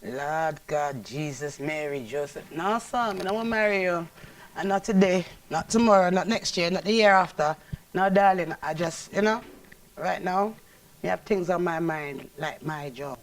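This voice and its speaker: A woman's voice: fairly low pitch, normal speed, dry recording, close to an everyday voice. A woman voicing a Jamaican woman who turns down a marriage proposal, exclaiming and emphatic, in a Jamaican Patois accent.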